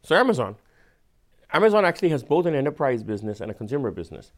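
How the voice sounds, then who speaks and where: A man's voice: mid-range voice, very animated. Patient man with an Indian accent. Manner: patient, measured explanations with occasional slowed emphasis. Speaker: venture capitalist. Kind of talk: explaining in casual conversation.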